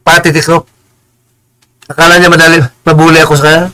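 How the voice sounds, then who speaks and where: A man ranting on a live stream, combative and insulting, stumbling over and repeating his words and slipping into slow, preachy English phrases. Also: on the high side, completely flat delivery, pushed and bright, low-quality recording. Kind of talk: heated live-stream rant.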